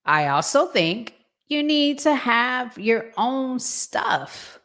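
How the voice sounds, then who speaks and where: Thinking out loud in halting, conversational fashion, a middle-aged woman delivers unscripted vlog commentary. Her voice is slightly high and a bit bright, with a sing-song lilt.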